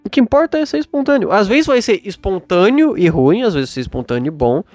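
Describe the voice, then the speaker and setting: Brazilian male podcaster, fairly high voice, sick and stuffed up, loose sweary monologue with acted-out imagined replies, dry close sound. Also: very animated, a little fast, darkish tone, no echo, faint music behind. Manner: blunt, self-doubting, swears often; acts out imagined dialogue mid-monologue. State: sick with sore throat and congested nose. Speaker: solo podcast host. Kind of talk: casual rambling monologue, answering a listener.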